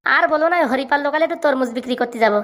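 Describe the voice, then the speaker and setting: Woman doing a quick cheeky cartoon guy, chatty young hawker, fairly high voice. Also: a bit bright. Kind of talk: comic cartoon dub.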